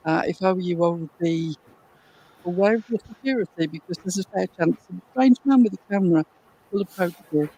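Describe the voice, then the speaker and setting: A woman's voice: on the low side, fairly quick, mellow, slightly rough, dull audio. A British woman hosting a live commentary chat over a headset, her audio cutting out in glitchy dropouts. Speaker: YouTube commentary host.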